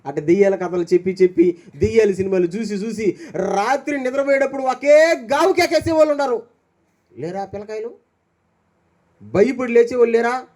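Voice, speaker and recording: Preaching as pastor, an older man questions his congregation, alternating loud calls with hushed low asides. His intonation is lively, his pace moderate, and he leaves long pauses.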